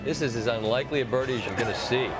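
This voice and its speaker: A man working as a golf commentator, narrating tournament highlights over music. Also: very fast, rough recording. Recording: music bed under the voice.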